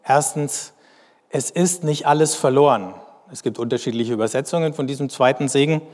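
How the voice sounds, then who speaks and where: A man reads scripture slowly and deliberately, then explains it in measured commentary. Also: medium pitch, a little mellow. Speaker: bible teacher. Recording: long hall reverb.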